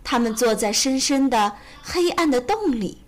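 A woman storyteller reading a children's storybook aloud in a gentle, expressive way. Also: high-pitched, measured pace, soft background music. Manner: gentle, expressive, sing-song.

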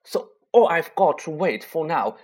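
A man's voice: a little high, big pitch swings, normal speed, a little mellow, slightly rough, voice pushed up. A man voicing a frightened, feverish eleven-year-old boy wizard in a storybook reading, talking in an urgent, raised, breathless way.

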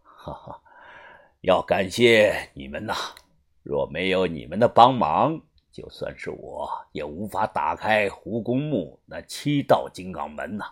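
Mocking male villain from an audiobook, deep and slow, put on by the narrator. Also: very animated, full character voice. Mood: menacing calm. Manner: slow, low, with soft laughs. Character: sinister smiling male villain, calm and mocking.

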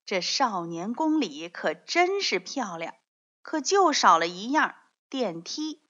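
A woman telling a children's story in an expressive, scripted narration, addressing young listeners directly. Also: medium pitch, slow. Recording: slightly dull, lo-fi audio.

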